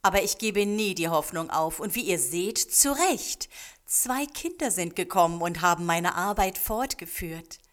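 A woman voicing a kindly, hopeful old man in a storybook, speaking in an earnest, animated way. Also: lowish voice, a little slow.

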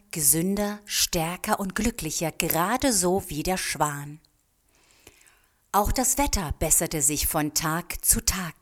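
Slow, gentle woman storyteller. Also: deep voice. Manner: slow, gentle, often softly whispered. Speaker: narrator. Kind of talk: storybook reading.

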